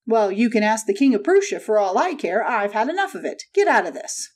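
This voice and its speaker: A woman voicing a hot-tempered male poultry salesman, gruff and combative, in a dramatic audiobook. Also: fairly high pitch, big pitch swings, brisk, a little mellow. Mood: angry. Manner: gruff, combative, snapping delivery.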